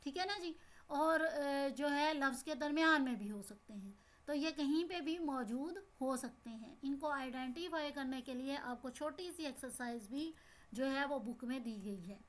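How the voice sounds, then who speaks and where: High-voiced woman teaching with patience. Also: unhurried. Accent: Pakistani Urdu. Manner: patient, repeats words and asks the class questions. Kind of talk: explaining a school English lesson.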